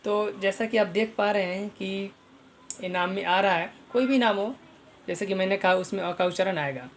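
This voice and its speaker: A man's voice: sits high, normal speed, slight background noise. A man teaching an online pronunciation lesson, spelling out letters and repeating each sound, often addressing viewers as friends.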